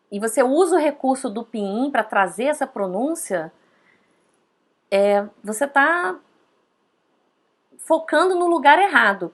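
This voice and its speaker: Chatty high-voiced woman teaching. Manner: chatty, tag questions after points. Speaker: Mandarin teacher. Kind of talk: casual online lesson.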